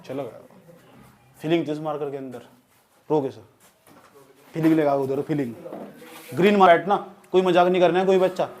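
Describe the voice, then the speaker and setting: High-voiced joking physics teacher. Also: male voice, fairly even intonation, normal speed, pauses often, a little mellow, slight background noise. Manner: joking, repeatedly checks students understand. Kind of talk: classroom lecture. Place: classroom.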